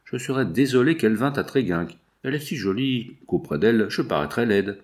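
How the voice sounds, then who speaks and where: A man's voice: medium pitch, expressive, fairly quick, lightly acted. A man reading the part of a jealous, suspicious young woman in an audiobook, asking pointed questions.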